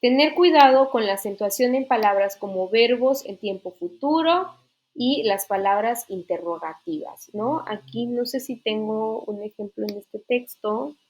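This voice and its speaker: A woman's voice: on the high side, unhurried. A woman teacher explaining writing rules in an online literature class, patient, often checking that students follow. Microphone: computer mic in an online class.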